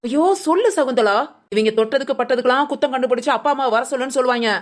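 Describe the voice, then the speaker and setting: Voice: sits high, rapid-fire, close to an everyday voice. A performer voicing an outspoken young woman in a cartoon, blunt and scornful as she gives her friend orders. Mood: bossy. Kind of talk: cartoon family drama voice acting.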